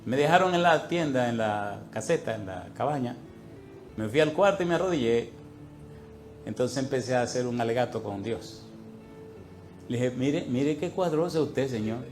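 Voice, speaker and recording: A man preaching a sermon, telling a personal story in an animated way and laughing now and then, with faint music behind him. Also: medium pitch, moderate pace, pauses often.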